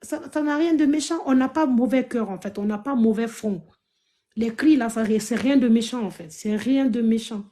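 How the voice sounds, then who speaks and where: Emphatic woman from Africa, loud and pleading. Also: on the high side, normal speed. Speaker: live-stream host. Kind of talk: emotional live-stream talk to viewers.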